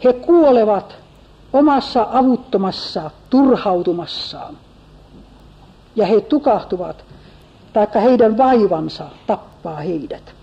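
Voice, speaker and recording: A woman's voice: medium pitch, expressive, few pauses, mellow, lightly acted. A woman voicing a lecturing, self-righteous male comforter from a biblical story, in a reproachful, preachy manner. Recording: slightly dull lo-fi recording.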